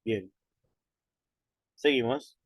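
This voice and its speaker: A man teaching Quran recitation in an online lesson, patient and methodical, checking in with his students and slowing right down to model drawn-out pronunciations. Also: medium pitch, slightly rough, no room sound.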